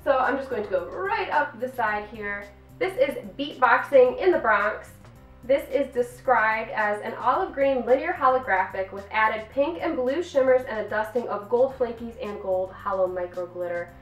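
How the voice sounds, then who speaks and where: A woman's voice: fairly high pitch, animated, moderate pace. Female host, 30s, upbeat review vlog; echoey room, distant mic. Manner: bubbly and gushing. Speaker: nail polish reviewer. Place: home filming room. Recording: roomy, distant mic, faint music.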